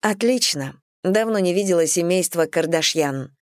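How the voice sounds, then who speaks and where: A reader doing a scared wife feigning brightness. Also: female voice, mid-range voice, expressive, moderate pace, no room sound, studio quality, voice pushed up, close to an everyday voice. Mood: fake cheerful. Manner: forced casual brightness. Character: frightened young wife hiding her fear.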